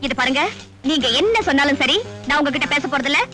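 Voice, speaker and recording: An actress playing a young wife who scolds her husband and then softens. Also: sits high, fast talker, lightly acted. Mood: scolding. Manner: sharp, scolding, then soft. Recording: film dialogue over loud music.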